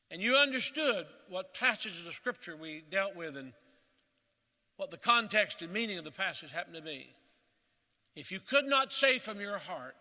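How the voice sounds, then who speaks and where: Pastor preaching at a pulpit mic, earnest and measured, sometimes hushed, in a reverberant sanctuary. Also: male voice, high voice. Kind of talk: sermon.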